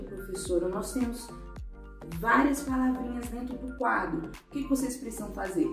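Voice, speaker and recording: Brief: high-pitched, animated woman teacher, patient with children, recorded from a distance in a very echoey room with faint music. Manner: patient, uses many diminutives. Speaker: primary school teacher. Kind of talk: explaining worksheet exercises to children.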